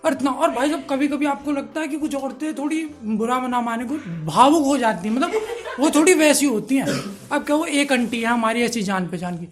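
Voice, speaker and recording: A man's voice: extremely high pitch, brisk. A man telling a stand-up comedy story in a chatty way, talking straight to the audience. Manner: chatty, addresses audience directly.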